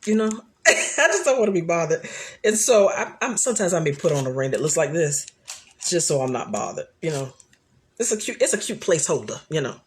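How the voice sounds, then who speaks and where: Loud, laughing woman chatting live. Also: deep voice, a little fast. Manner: chatty and animated, frequent restarts. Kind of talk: casual live chat.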